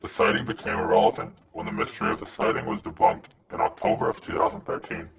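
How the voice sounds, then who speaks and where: A man reading a scripted anonymous message in a disguised, pitched-down voice. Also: sing-song, fast talker. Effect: disguised voice, pitched down and gravelly. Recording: noisy, distant-sounding recording.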